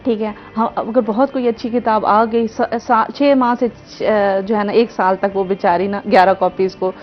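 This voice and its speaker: A woman's voice: mid-range voice, fairly even intonation, moderate pace. A woman with a Pakistani Urdu accent, a guest librarian earnestly explaining her points on a talk show. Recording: slightly dull broadcast audio with faint music.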